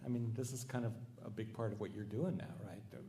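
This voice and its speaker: A man moderating a panel, asking questions with halting openings. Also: on the low side, fairly even intonation, warm tone. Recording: echoey room.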